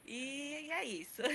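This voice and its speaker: A woman's voice: high voice, pushed and bright, a little hiss or hum. A woman from the interior of Bahia, a real estate broker speaking as a webinar guest, friendly and a little hesitant. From interior of Bahia, Brazil. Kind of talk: webinar panel talk.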